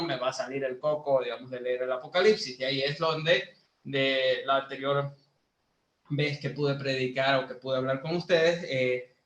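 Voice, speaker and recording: A man from Bolivia giving a sermon to a youth group as a lay preacher, teaching slowly with many fillers and building to emphatic preaching. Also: mid-range voice, fairly bright tone, roomy sound, muffled recording.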